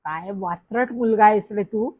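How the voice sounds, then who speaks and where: A woman voicing a shrill, scolding middle-aged aunt who shrieks and accuses down the phone. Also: normal speed, a little mellow, natural voice.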